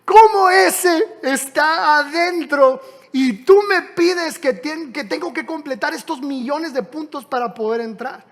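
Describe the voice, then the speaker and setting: A man's voice: very high-pitched, measured pace, big-room sound. A man voicing an indignant, self-righteous churchgoer who protests in a whiny tone within a sermon.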